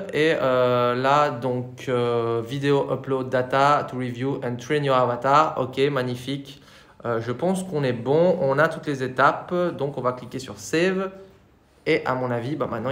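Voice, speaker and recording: A man vlogging casually as he tests an app, talking in a chatty way and hesitating with many fillers, recorded on a camera on a tripod. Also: mid-range voice. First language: French. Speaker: tech vlogger. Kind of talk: casual tutorial vlog. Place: indoor room with a neon light. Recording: echoey room.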